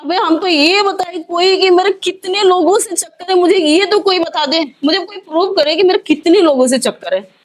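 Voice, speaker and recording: A woman's voice: extremely high pitch, normal speed, hardly any pauses. A woman lawyer speaking in a news interview, pleading and distressed as she talks.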